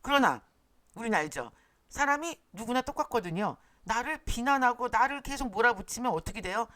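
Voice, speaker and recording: Lively woman lecturing with acted asides. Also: fairly high pitch, a little fast, dry recording. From Korea. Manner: lively, starts sentences with "자", acts out quoted lines. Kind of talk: explanatory lecture.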